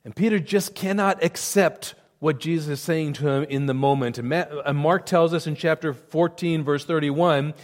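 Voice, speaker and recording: A man's voice: fairly high pitch, moderate pace, hardly any pauses. A man preaching a sermon as pastor, earnest and emphatic, often repeating words for stress. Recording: long reverb of a hall.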